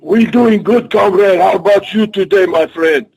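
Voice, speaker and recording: A man's voice: moderate pace, vocal fry, a little mellow, low-quality recording. Man. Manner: broken English, booming wrestling persona. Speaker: wrestler guest. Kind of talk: in-character interview answers.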